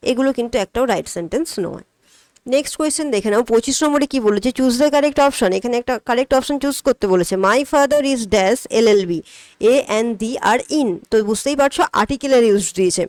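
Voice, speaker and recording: A fairly high-voiced woman talks through exam questions as a tutor. She asks questions and answers them herself, slowing right down whenever she reads out the English sentences. The recording is dry and close, with no room sound. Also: a little mellow, dry recording. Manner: explains step by step, asks and answers her own questions, reads English items slowly. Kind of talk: spoken exam-prep lesson.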